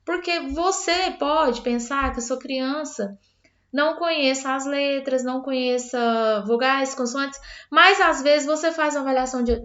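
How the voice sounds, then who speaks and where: A woman's voice: high-pitched, fairly bright tone. A Brazilian woman teacher explaining a literacy lesson for parents step by step, talking straight to the viewer. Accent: Brazilian Portuguese. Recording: roomy, slightly dull sound.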